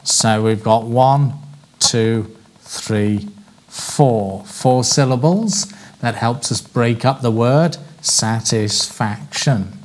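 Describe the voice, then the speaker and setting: A man teaches a class on presenting, his voice in an ordinary middle pitch. He talks clearly and deliberately. He slows right down whenever he spells out a word. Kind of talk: lecture on presentation skills.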